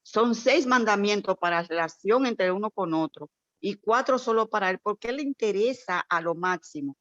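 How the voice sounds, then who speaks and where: A woman tells an emotional church testimony in an animated, storytelling way. Her voice sounds dry and close, with a somewhat dull, lo-fi tone. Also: mid-range voice, moderate pace, dry recording. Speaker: church member sharing testimony. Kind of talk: heartfelt testimony in a prayer meeting.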